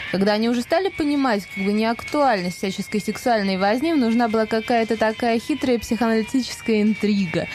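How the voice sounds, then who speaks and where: Dry dismissive woman co-host. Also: medium pitch. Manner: dry, dismissive, misanthropic quips. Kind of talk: casual studio chat.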